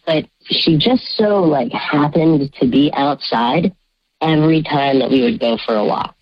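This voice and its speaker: A male caller whose voice is warped by a voice changer comes through a dull, muffled phone line with a dry, close sound. He speaks hesitantly, with many fillers, at an ordinary pitch. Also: a little slow, dry recording. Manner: hesitant, full of "um" and "like". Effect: voice changer disguising his voice. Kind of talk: telling a confession on a call-in show.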